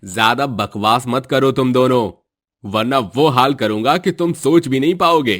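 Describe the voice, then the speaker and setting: A man voicing a drunk, greedy and violent husband in an animated story, sneering and threatening. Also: medium pitch, a little slow, lightly acted.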